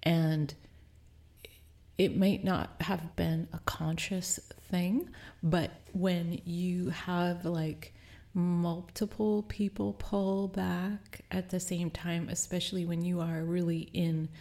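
Slow, gravelly-voiced woman host. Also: warm tone. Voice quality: low gravelly morning voice. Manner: slow, hesitant, dropping often to a whisper. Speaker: podcast host. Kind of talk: casual reflective monologue.

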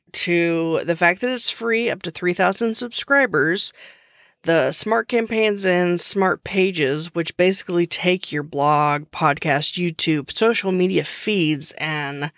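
Slow-talking woman hosting a podcast. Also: fairly low pitch, no room sound, studio quality. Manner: chatty, restarts often, uses fillers. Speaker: podcast host. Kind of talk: casual solo podcast explainer.

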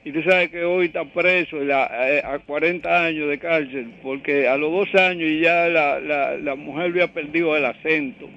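A man's voice: a little high, fairly even intonation, normal speed, vocal fry, hardly any pauses, pushed and bright. A man calling into a radio show to tell a story, hesitant and heavy with fillers. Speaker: caller. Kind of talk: storytelling over the phone. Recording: dull phone line.

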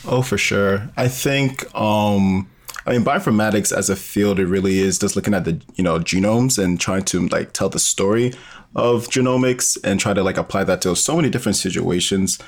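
In a casual explanatory interview, a male podcast guest who works in bioinformatics and tells stories walks through ideas informally, step by step, with plenty of hesitant fillers. He speaks at normal speed in a lowish voice.

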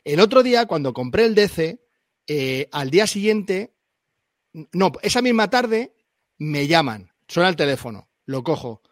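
Spanish man telling a lively anecdote. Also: a little high, unhurried, no room sound, studio quality. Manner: animated storyteller acting out phone calls. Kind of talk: casual chat.

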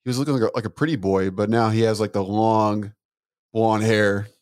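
A young man co-hosting a podcast in casual chat, joking and quick to laugh. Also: on the low side, fairly even intonation, a little mellow, dry recording, clean studio sound. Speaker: podcast co-host.

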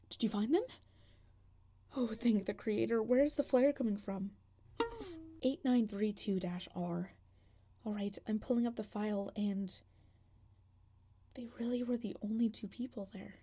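A woman's voice: high voice, warm tone. A woman voicing an anguished guardian who brings lost people home, stammering, pleading and dropping into whispers in an audio drama monologue.

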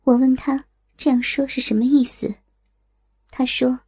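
A woman telling a first-person story in calm, steady narration. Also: high-pitched, a little slow, breathy edge.

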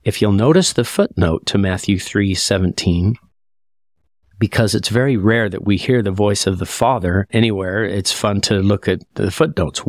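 A man with a deep, low voice teaches scripture in an easy conversational way. He sounds earnest and reflective and often slows down to read verses aloud. The sound is dry and close, with no room echo.

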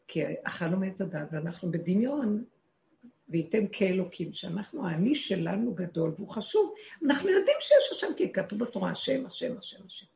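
A woman giving a religious talk to a group, passionate and animated, asking rhetorical questions and shouting out quoted lines. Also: medium pitch, gravelly. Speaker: spiritual teacher. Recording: echoey lo-fi room recording.

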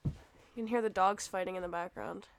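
A hoarse woman co-hosting a podcast, chatting casually with a relaxed, wry manner. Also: fairly low pitch, fairly quick. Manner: relaxed, wry back-and-forth. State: hoarse from a virus. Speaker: podcast co-host. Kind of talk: casual chat.

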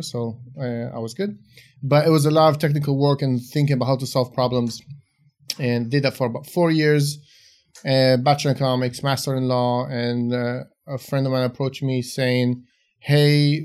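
A man in his forties who grew up in Israel, a startup investor appearing as a guest, chats casually in an interview. His mid-range voice is a little mellow, and he speaks frankly, jokes around and fills gaps with frequent "uh"s.

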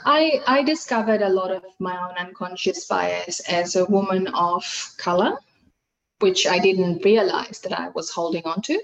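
A middle-aged woman from Fiji, Hindi being her first language, chats animatedly as a guest in a casual podcast interview, using many fillers and restarts. Her fairly low voice has vocal fry and moves at normal speed, with lo-fi sound.

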